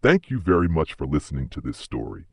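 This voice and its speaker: A man narrating a detective story in a measured, dramatic way. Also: a bass voice, big pitch swings, darkish tone, husky, no room sound, studio quality. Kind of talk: audiobook narration.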